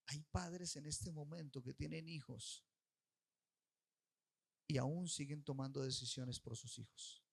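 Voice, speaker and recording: A man pastor preaching a sermon. He tells a story and urges his listeners, with sudden shifts between loud and soft. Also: fairly high pitch, steady tone, unhurried, gravelly, long pauses, breathy edge.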